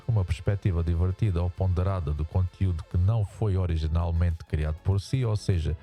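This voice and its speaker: A man with a European Portuguese accent, his voice run through a voice changer, talking casually to viewers in a rambling way with many restarts. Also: mellow. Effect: voice changer, pitched down. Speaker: YouTuber reacting to a sports show.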